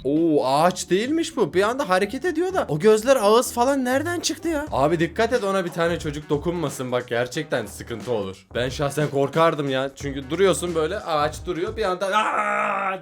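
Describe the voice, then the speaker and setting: A young man chats through a reaction video in a joking, easygoing way, laughing often. His voice sits a little high and swings widely in pitch. Faint music plays behind him. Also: very animated, fairly quick, hardly any pauses. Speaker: YouTuber host. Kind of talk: casual reaction commentary.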